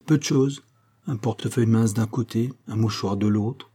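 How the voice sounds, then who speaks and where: A man's voice: on the low side, moderate pace, dark tone, breathy edge. A man reading the part of an anxious, loyal male government aide in an audiobook, speaking earnestly.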